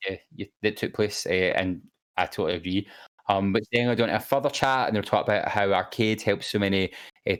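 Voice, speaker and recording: A man co-hosting a casual podcast, reading viewer comments aloud with many fillers and restarts. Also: low-pitched. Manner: hesitant, many fillers and repeated words. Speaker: co-host reading chat.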